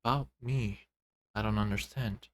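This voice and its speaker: A man voicing a vast, childlike alien visitor from a video game, solemn and gently wondering, in short halting phrases. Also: fairly low pitch, steady tone, no echo, clean studio sound, lightly acted. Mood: solemn puzzlement. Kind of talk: video game dialogue read aloud.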